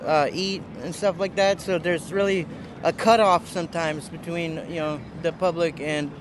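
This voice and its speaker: A man in his twenties from Russia answers questions on a city street. His voice sits high, and he hesitates often, restarting his sentences. Heavy street noise runs underneath him. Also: fairly even intonation, normal speed. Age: 20s. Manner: hesitant, lots of uhs and restarts. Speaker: passerby. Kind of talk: casual street interview. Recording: loud street and traffic noise.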